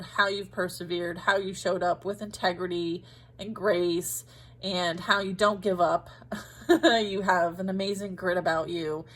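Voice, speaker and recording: Lady with a lowish voice doing a chatty tarot reading, lots of ums, faint hiss behind her. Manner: rambling and unhurried, full of fillers, often laughs at herself. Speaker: tarot reader. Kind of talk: casual spoken tarot reading.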